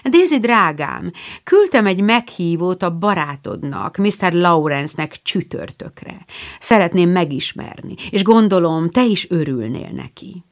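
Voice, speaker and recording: A woman's voice: on the low side, expressive. Sweet-talking, gossiping young lady, put on by a woman narrator; pour on the honey. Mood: sugary.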